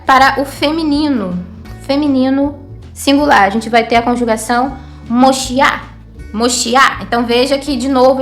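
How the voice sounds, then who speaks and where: A woman's voice: high voice, a bit bright. Brazilian woman teaching with careful explanations. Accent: Brazilian Portuguese. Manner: explanatory, fillers like "tá?" and "né?", repeats words slowly. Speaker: Hebrew teacher. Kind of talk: online language lesson.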